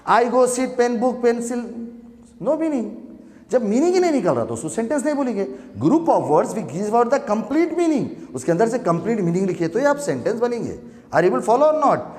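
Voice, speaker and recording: A male teacher with a high voice explains grammar to his class. He fires questions at the room, answers them himself and spells words out letter by letter. His voice carries a long echo off the classroom walls. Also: darkish tone. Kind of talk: classroom grammar lesson in mixed Hindi and English.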